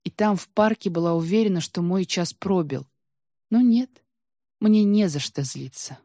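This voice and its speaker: A woman's voice: lowish voice, measured pace, dark tone, dry recording, clean studio sound. A woman voicing a grieving, emotional archivist woman in an audiobook. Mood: sorrowful.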